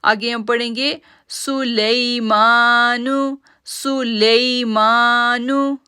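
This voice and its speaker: A woman teaching Quranic recitation rules, drawing out each word slowly to demonstrate it, then explaining the rules and addressing her listeners as sisters. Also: a little high, fairly even intonation, bright, forceful tone, clean tone. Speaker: tajweed teacher. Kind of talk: online Quran recitation lesson.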